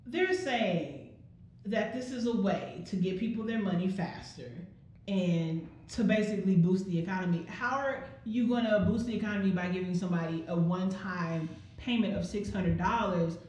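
A woman co-hosting a podcast in loose, casual conversation. She talks bluntly and with heat, swearing often, her voice at an ordinary middle pitch. The room around her rings with strong echo. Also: normal speed, darkish tone. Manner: blunt, heated, swears freely. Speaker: podcast co-host.

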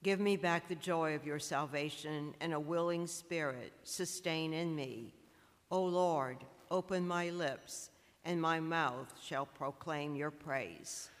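A man reading scripture as lector at Mass, solemn and deliberate, in an echoing, cathedral-like church. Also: a little high, a bit bright. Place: large church interior.

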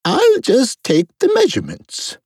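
A woman voicing a brisk, bossy chess-piece queen in a storybook reading, commanding and emphatic yet courteous. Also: on the high side, wildly swooping pitch, a little mellow, breathy edge, dry recording, clean studio sound, heavily acted. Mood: imperious, brisk.

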